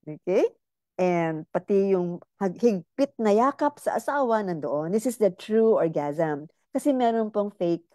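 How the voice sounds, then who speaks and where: A woman's voice: mid-range voice, expressive, a little slow, dark tone, no echo, studio quality. A middle-aged woman doctor giving a casual, playful health lecture, teasing her listeners and speaking to them directly.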